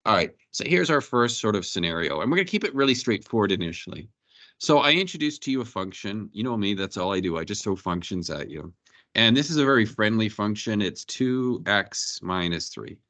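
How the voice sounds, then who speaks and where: A man's voice: on the low side, very animated, a little fast, a bit bright. A male math teacher lecturing a class, questioning students and walking them through each step.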